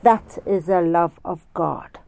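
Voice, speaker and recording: A woman preaching by phone, telling a personal story in a slow, deliberate way. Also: fairly low pitch, creaky, a little mellow.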